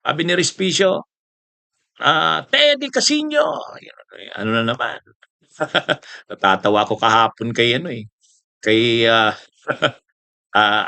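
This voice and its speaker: Bright-voiced man, mocking political talk. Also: mid-range voice, vocal fry, no echo. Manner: mocking, chuckling, rhetorical questions. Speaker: political commentator. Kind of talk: casual political commentary.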